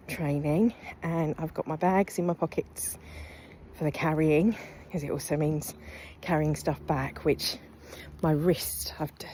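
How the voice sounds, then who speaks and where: A woman's voice: low voice, mellow, slight background noise. A middle-aged woman from the UK chatting as she walks uphill outdoors, slightly out of breath, thinking aloud and sometimes dropping to a half-whisper. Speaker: vlogger. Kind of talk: walking vlog chat. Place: outdoors, walking through town.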